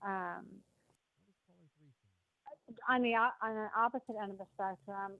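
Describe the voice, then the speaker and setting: A woman calls in to a talk show with her phone held away from her mouth, so her voice sounds faint and far off. The phone line is thin and tinny, and the sound is dry with no room around it. She rambles quickly with lots of fillers. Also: mid-range voice, no echo. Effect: phone held away from the mouth, faint and distant. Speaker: professional matchmaker, phone-in guest.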